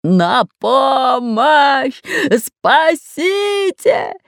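A woman's voice: high voice, very animated, drawn-out words, no room sound, studio quality, voice pushed up, heavily acted. Woman doing a squealing cowardly spy. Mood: panicked. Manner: wailing, squealing, stammering. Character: whiny cowardly long-nosed male spy.

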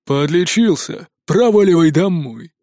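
A man's voice: a little high, lively intonation, moderate pace, a little mellow, no room sound, studio quality. A man doing a surly young wolf cub. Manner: snappish, surly. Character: sulky hot-tempered young male wolf cub.

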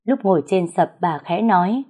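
A woman narrating a first-person story in a calm storytelling voice. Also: on the low side, moderate pace, husky.

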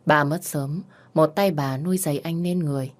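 A woman narrating a scripted romance story in a steady, even storytelling manner. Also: deep voice, normal speed.

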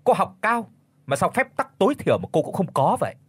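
A man voicing a haughty, scornful rich older mother-in-law in a spoken story, with a husky voice. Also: high-pitched, big pitch swings, a little fast, no echo, pitched above the performer's own voice, heavily acted. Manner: scornful, cutting.

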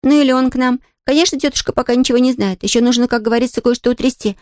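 A woman voicing an excitable, chatty young girl in an audiobook reading, talking in a breathless rush. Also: on the high side, racing, no room sound, clean studio sound, voice pushed up, close to an everyday voice. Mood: chattering.

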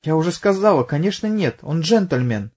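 A man's voice: a little high, animated, normal speed, a little mellow, pitched above the performer's own voice. A man voicing an evasive young woman under questioning who flares up in anger, in an audiobook. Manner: evasive, hesitant, bursts out angrily.

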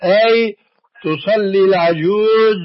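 A man's voice: sits high, takes it slowly, over a noisy crowd. A man answering callers' religious questions, firm and pressing them with pointed questions. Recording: muffled dry old recording.

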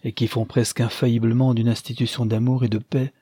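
A man voicing a serious, troubled young gentleman who speaks in a confiding tone. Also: mid-range voice, little pitch movement, a little fast, husky, no room sound, clean studio sound, close to an everyday voice. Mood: earnest.

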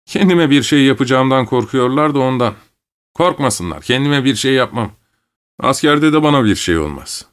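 A man voicing a young male peasant conscript, desperate and volatile, who pleads bitterly and then yells wildly. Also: mid-range voice, lively intonation, moderate pace, clear, resonant tone, voice pushed up, natural voice. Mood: bitter, grieving.

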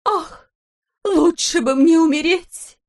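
A woman reading aloud, voicing a melodramatic stage countess who wails slowly and theatrically. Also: very high voice, a little mellow, pitched above the performer's own voice, heavily acted. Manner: slow, drawn-out theatrical wailing.

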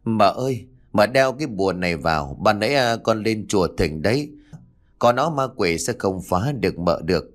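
A man voicing an anxious, caring old female servant who talks in a hurried, pleading way. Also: on the low side, expressive, lightly acted. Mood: worried.

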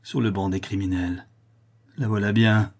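A man's voice: fairly low pitch, fairly even intonation, a little slow, slightly rough. A man voicing a poor father, a gem cutter, rambling incoherently in distress, in a storybook reading. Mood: distraught. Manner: agitated, incoherent, jumping between loud and whispered.

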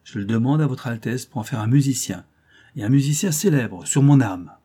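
A man's voice: medium pitch, lively intonation, a little fast, warm tone, slightly rough. A man voicing an enthusiastic, effusive male music master in a storybook reading. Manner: effusive, exclamatory.

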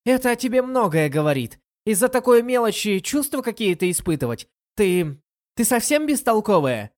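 A woman's voice: medium pitch, sing-song, normal speed, darkish tone, no echo, studio quality, pitched above the performer's own voice, close to an everyday voice. A reader voicing a bratty, teasing young girl in a storybook reading. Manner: mocking, teasing.

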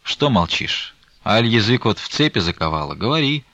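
A man reading the part of a stern, grieving old merchant, talking in a slow, weighty, reproachful way. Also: fairly low pitch, very animated, pushed and bright, no echo, voice pushed up, exaggerated voice.

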